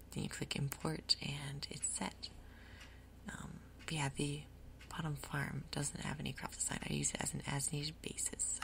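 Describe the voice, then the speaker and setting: A gaming video host, this woman has a deep voice and delivers soft-spoken ASMR game commentary in a breathy half-whisper. Her manner is casual, rambling and unhurried.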